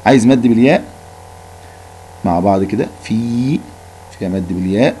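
A man's voice: fairly low pitch, fairly quick, warm tone, slight background noise, rough recording. A male Arabic teacher with an Egyptian Arabic accent giving a recorded lesson, patiently repeating words to drill them.

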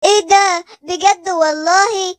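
An excitable male cartoon animal. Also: very high voice, a little slow, no echo. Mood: amazed. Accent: Egyptian Arabic. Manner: excitable, amazed.

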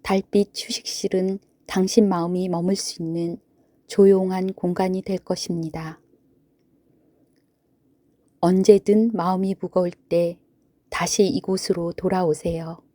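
A woman gently narrating a sleep meditation in a soothing, hushed manner, with long pauses between phrases. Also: lowish voice, level tone, dry recording. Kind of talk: sleep story narration, guided Buddhist relaxation.

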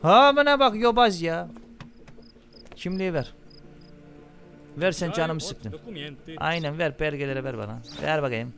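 A man commenting casually on his own gameplay, muttering to game characters and often bursting into loud, irritated yelling at them. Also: on the high side, lively intonation, unhurried, creaky, pauses often, soft background music. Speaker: gaming channel host.

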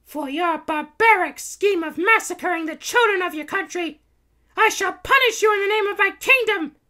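A man's voice: very high-pitched, moderate pace, pushed and bright, voice pushed up, exaggerated voice. A man voicing a young heroic cat princess in a storybook, proud, defiant and declaiming. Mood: defiant, triumphant. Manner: theatrical, declaiming.

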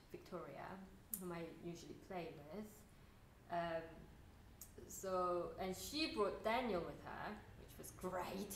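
A woman welcomes listeners to a concert in a chatty, casual way full of fillers. Her voice sits at an ordinary middle pitch. The church room rings around her, with a faint background hiss. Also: fairly bright tone. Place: church hall. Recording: roomy church echo, faint noise.

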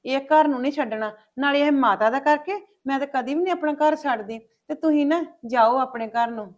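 A woman's voice: high voice, a little fast, dull audio. A woman playing a mother who speaks in a resigned, heartfelt way in a family web drama.

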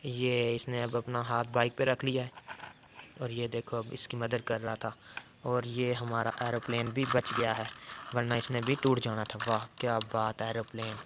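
A man narrating his toy play in an excited, exclamatory way, talking to the toys as if to a child. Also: medium pitch, normal speed, noisy background.

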